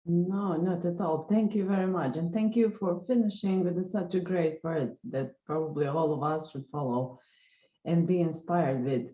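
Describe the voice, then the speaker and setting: A woman moderates a panel discussion, feeling her way through her sentences with frequent fillers. Her voice is fairly low and rings in a roomy space, and the recording sounds dull and lo-fi. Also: normal speed. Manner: searching for words, many fillers.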